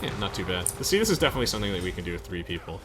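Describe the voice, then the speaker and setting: Deep-voiced and sing-song, this young let's-play host talks very fast, trading casual banter with friends as he comments on the game. Game music and background noise are audible.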